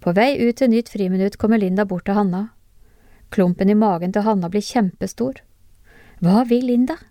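A woman giving a calm, measured scripted narration of classroom cases for a lesson, pausing to put questions to the listener. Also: medium pitch, dry recording, studio quality.

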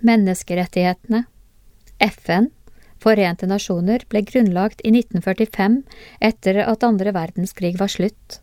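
Calm woman reading a lesson. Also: mid-range voice, no echo, clean studio sound. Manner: calm, measured reading that poses questions to the listener. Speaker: narrator of classroom discussion cases. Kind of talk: scripted educational narration.

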